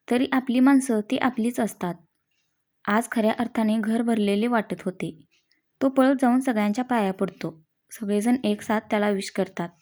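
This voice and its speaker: A woman reading a family story aloud in a steady, simple manner. Her voice sits fairly high and sounds mellow and soft. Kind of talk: scripted story narration.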